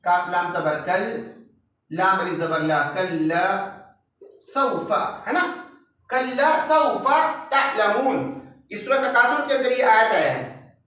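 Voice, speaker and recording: A man teaching a tajweed class, slowly spelling out letters and vowel marks one by one and reciting short examples. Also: high-pitched, pushed and bright, very echoey, recorded from a distance, rough recording. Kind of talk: online tajweed class explanation.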